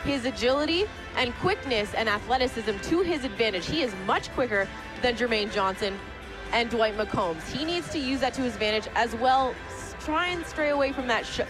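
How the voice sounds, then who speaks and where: A woman commentating before a basketball game, analytical and deliberate in her phrasing. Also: on the high side, rough recording. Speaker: sports broadcast commentator. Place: indoor sports arena.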